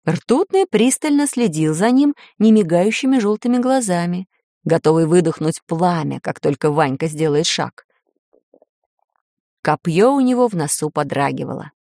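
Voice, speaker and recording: Female audiobook narrator, dramatic and animated, close dry sound. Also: lowish voice, normal speed, no echo. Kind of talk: expressive audiobook reading.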